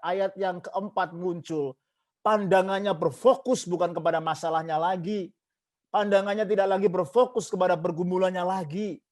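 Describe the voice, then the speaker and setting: A man preaching a sermon as a pastor, emphatic, with repeated parallel phrases and English words mixed in. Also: high voice. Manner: mixes English phrases into Indonesian, repeats "saudaraku" often.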